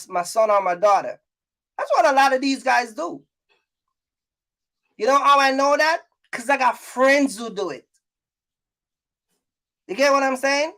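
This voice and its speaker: A middle-aged man with a very high, slightly bright voice chats casually to viewers in a vlog. He runs a trucking business and creates content, and he's emphatic and repetitive, often checking that listeners are following along.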